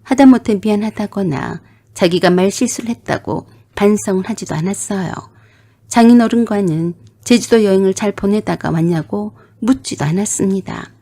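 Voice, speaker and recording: Woman, scripted story narration, mellow dark tone, steady plain delivery. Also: medium pitch, moderate pace.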